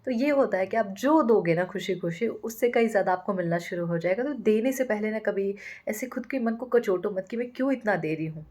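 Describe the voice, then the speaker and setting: A woman's voice: medium pitch, animated, brisk, few pauses, a little mellow. A young woman, a manifestation coach, talking casually and directly to the viewer, sprinkling in English words. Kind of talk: casual spiritual advice talk.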